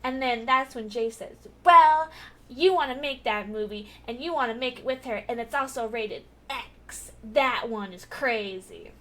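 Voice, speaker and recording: A chatty young woman walks through a TV episode in a casual recap, her voice a little high. She giggles often and leans on filler words. She keeps an easy, unhurried pace. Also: pushed and bright. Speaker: TV recap vlogger.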